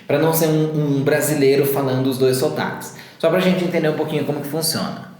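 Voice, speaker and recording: A man's voice: fairly high pitch, quick pace. Sorocaba-accented man in an echoey room. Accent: interior São Paulo (Sorocaba). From Sorocaba region, Brazil. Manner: relaxed storytelling with frequent tag questions. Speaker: English teacher co-hosting a podcast. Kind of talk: casual podcast conversation.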